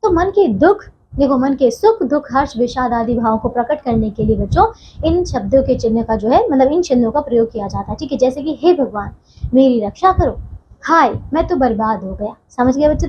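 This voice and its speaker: High-voiced woman teaching young children. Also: animated, a little fast, highs cut off, a little hiss or hum. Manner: patient, repeats and checks understanding with the class. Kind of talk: grammar lesson for young children.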